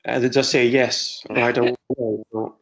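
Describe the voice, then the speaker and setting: A middle-aged man from Greece, an astronomer answering interview questions with many pauses and restarts. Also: medium pitch, flat delivery, gravelly, fairly bright tone, rough recording. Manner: hesitant, many fillers and restarts.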